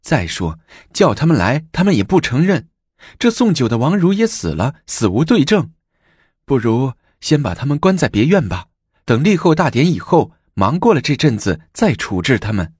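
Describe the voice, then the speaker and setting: A man's voice: mid-range voice, sing-song, normal speed, darkish tone, breathy edge, dry recording, studio quality, voice pushed up. A male storyteller voicing a scheming young empress, speaking in a coaxing yet commanding way in a storybook reading.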